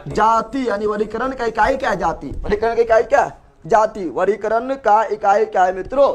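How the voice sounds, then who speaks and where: A man's voice: sits high, animated, moderate pace. A male teacher gives a classroom lecture, asking a question and repeating the answer over and over. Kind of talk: classroom lecture with call-and-response.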